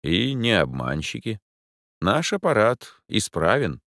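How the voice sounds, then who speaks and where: A man doing a calm, courteous old professor. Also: fairly low pitch, no room sound, clean studio sound, voice pushed up, full character voice. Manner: measured, polite, faintly lofty. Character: older male professor, calm, courteous and principled.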